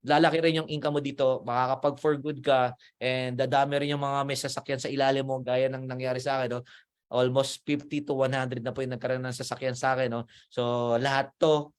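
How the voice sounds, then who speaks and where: A man giving a motivational talk to a group as a financial mentor, animated and acting out little scenes in higher voices. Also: fairly quick, clear, resonant tone. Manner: animated, acts out gossiping voices at higher pitch.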